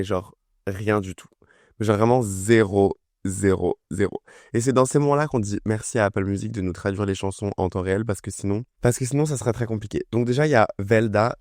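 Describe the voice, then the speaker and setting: A young man talks about music in a casual, excited way, piling up fillers and repeating himself. His voice sits low, and the recording is dry and close with no room sound. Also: no echo. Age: young adult. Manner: enthusiastic, chatty, full of fillers. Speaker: music review vlogger. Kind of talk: casual chat.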